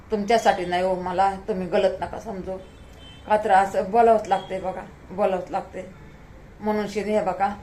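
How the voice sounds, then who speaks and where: A woman's voice: medium pitch, dark tone, slight background noise. Weary, pleading woman vlogger. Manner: pleading, repetitive, heartfelt. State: tired. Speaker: YouTuber. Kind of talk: emotional talk to camera.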